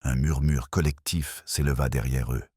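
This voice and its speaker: Very deep, husky male storyteller. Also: steady tone, moderate pace, warm tone, dry recording, clean studio sound. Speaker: narrator. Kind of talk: scripted narration of a mystery story.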